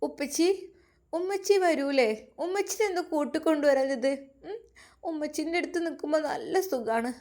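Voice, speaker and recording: A woman's voice: sits high, moderate pace, pauses often, a little mellow, pitched above the performer's own voice, natural voice. A woman voicing a timid small girl who misses her mother, in a whining, childlike way. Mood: wistful.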